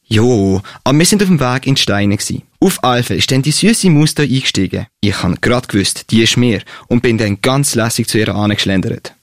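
A man's voice: medium pitch, animated, brisk, few pauses, no echo, studio quality, close to an everyday voice. A young man voicing a boastful young man who brags about picking up his girlfriend, with a Swiss German accent. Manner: boastful, blunt.

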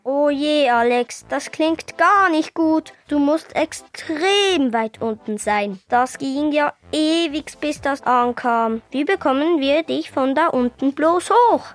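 A woman's voice: high voice, lively intonation, takes it slowly, hardly any pauses. A woman voicing a fussy little glowing sprite in a children's audio story, scolding and exclaiming. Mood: worried.

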